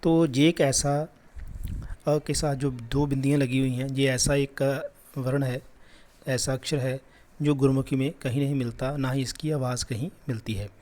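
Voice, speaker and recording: A man teaching a class lesson, patiently repeating sounds slowly for children. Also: mid-range voice, fairly even intonation, a little mellow.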